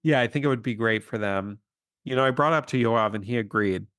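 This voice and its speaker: A man co-hosting a podcast in loose conversation, deadpan and wry as he rambles through his ideas. His pitch is an ordinary middle for a man. The recording is dry and close-miked. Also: brisk, dry recording. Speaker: podcast co-host. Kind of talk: casual chat.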